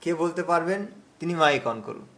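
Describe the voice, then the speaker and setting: A man's voice: fairly high pitch, a bit bright. Patient man teaching recitation on a call. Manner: patient, explains slowly, drawn-out recitation. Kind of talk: online class instruction. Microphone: video call.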